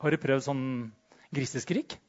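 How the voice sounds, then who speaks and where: A man preaching a charismatic sermon, swinging from loud exclamations to soft murmurs and bursts of shouting. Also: mid-range voice, very noisy. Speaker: pastor. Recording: dull lo-fi sound.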